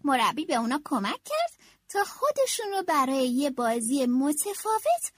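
High, lively woman reading a storybook. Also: heavy background noise. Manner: expressive, animated read-aloud. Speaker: narrator.

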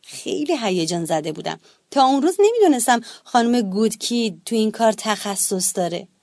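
A woman narrating a children's bedtime story in an expressive storytelling manner. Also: fairly high pitch, dry recording, clean studio sound.

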